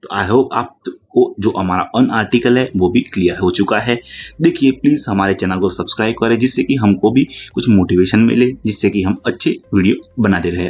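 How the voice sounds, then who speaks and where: A man teaching English grammar from notes, often saying "look" and slowing down to read English rules aloud. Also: fairly low pitch, darkish tone. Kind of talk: explaining lesson with notes. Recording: dull lo-fi audio with faint music.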